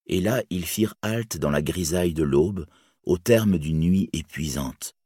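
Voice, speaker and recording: A man narrating an epic tale as an audiobook, reading in a slow, solemn and deliberate way. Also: deep voice, mellow, breathy edge, dry recording, studio quality.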